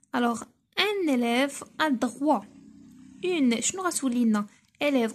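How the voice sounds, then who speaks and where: A female primary school teacher with a Moroccan accent, walking a class through exercises, dictating slowly and explaining in quick asides. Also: high voice, darkish tone, slightly rough. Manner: slow, deliberate dictation of French mixed with quick Darija asides.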